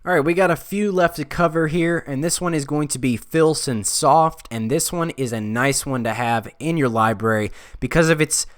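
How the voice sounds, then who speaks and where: Young man, smooth clear tone, dry close sound, relaxed, lots of uhs. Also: on the high side, normal speed, hardly any pauses, no room sound. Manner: relaxed, thinking aloud with frequent uhs. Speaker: design video creator. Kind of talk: casual screen-recorded tutorial talk.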